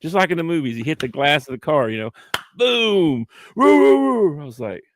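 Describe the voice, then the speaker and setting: A man co-hosting a podcast, telling animated stories in casual chat and laughing often as he talks. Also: medium pitch, rapid-fire, a little hiss or hum. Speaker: podcast co-host.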